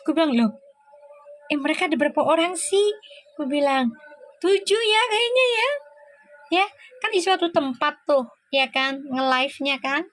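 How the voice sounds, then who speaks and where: A woman's voice: high voice, animated, a little slow, pauses often, fairly bright tone, no room sound. A woman doing a casual live tarot reading, exclaiming and laughing often as she talks. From Indonesia. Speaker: tarot reader.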